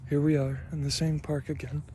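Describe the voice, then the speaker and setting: A man's voice: fairly high pitch, level tone, brisk, dark tone, slight background noise. A young man with a Minnesotan accent, rambling and swearing casually as he vlogs from a cold park. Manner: rambling, swears a lot, filler-heavy, self-deprecating. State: tired. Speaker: vlogger.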